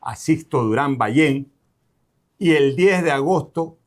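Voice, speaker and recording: A man's voice: fairly high pitch, expressive, measured pace. A man from Ecuador hosting a radio interview, asking direct, pressing questions.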